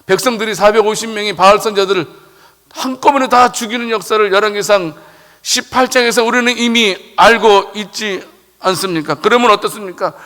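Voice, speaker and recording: A Korean pastor preaching a sermon, asking rhetorical questions and swelling to emphatic peaks before dropping low. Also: male voice, sharp tone. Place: church sanctuary. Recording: long church hall reverb.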